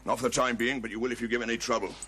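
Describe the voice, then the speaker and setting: An actor playing a stern middle-aged army sergeant in a period television drama, blunt and authoritative. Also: male voice, mid-range voice, steady tone, rapid-fire, pushed and bright, slight background noise, natural voice. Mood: commanding.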